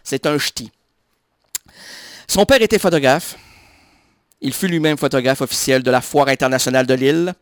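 A man's voice: medium pitch, moderate pace, long pauses, no room sound, clean studio sound. A man hosting a radio show in a playful, joking, chatty way. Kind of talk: casual radio chat.

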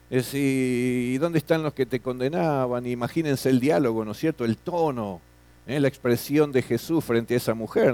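A man's voice: medium pitch, darkish tone, no echo. A middle-aged man teaching a classroom lecture, often tagging his sentences with questions and repeating words.

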